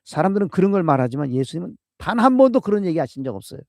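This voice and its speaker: A male pastor giving an early-morning sermon and prayer, repeating key phrases emphatically and dropping from loud proclamation to hushed whispers. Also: high-pitched, very animated, rapid-fire, creaky, no echo, studio quality.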